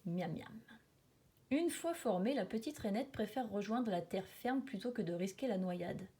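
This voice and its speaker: Une femme lit un livre documentaire sur la nature pour enfants, comme une conteuse expressive qui souligne certains mots avec emphase. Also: female voice, medium pitch, moderate pace, slight background noise. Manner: storytelling, dramatic emphasis on repeated words and sound words. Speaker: reader of a children's nature book. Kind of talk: expressive nature documentary narration, read aloud for children.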